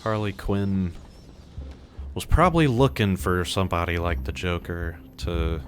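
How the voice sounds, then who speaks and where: A man's voice: low-pitched, measured pace, slight background noise. A man giving casual, sardonic let's play commentary with mumbled asides.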